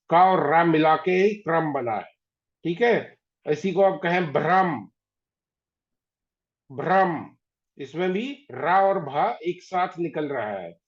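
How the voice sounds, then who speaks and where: A man teaching an online class, patiently repeating words slowly to drill pronunciation. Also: a little high. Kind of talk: online class on Hindi spelling. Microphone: video call. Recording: dull lo-fi video call audio.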